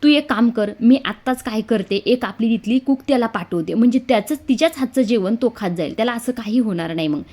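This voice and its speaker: A woman voicing an anxious, agitated woman who speaks loudly. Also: fairly high pitch, lively intonation, fairly quick, few pauses. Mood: worried. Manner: agitated, loud. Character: anxious worried mother figure.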